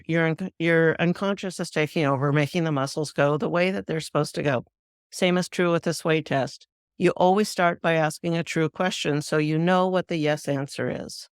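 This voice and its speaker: A woman hosting a spiritual podcast, calmly explaining a practice step by step in an instructive solo talk. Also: low-pitched, clear, resonant tone, no room sound, studio quality. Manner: calm, measured, guiding explanations. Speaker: spiritual teacher, podcast host.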